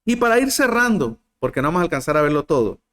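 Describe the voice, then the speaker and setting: A man preaching a sermon to a group, asking them questions and swinging between loud emphatic lines and soft low ones. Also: big pitch swings, fast talker. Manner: addresses listeners directly, asks rhetorical questions.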